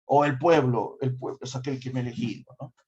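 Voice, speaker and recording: A middle-aged man with a Peruvian accent lectures on history with lively energy, pausing to quiz his students. His voice sits in a middle register. The recording is a little dull and lo-fi. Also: medium pitch, crowd noise. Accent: Peruvian Spanish. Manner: asks students questions, animated. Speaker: history teacher.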